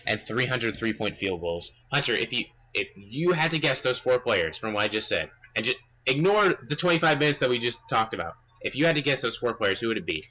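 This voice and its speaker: A man's voice: medium pitch, pushed and bright, low-quality recording. A young man co-hosting a sports podcast, ranting emphatically about player stats in casual chat. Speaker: podcast co-host.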